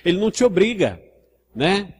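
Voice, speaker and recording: A Brazilian pastor with a fairly high, husky voice preaches in a relaxed, conversational way and keeps asking his listeners for agreement. His voice rings with the long reverb of a church hall. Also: moderate pace. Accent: Brazilian Portuguese. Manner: conversational preaching, often asks the congregation "né?". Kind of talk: sermon.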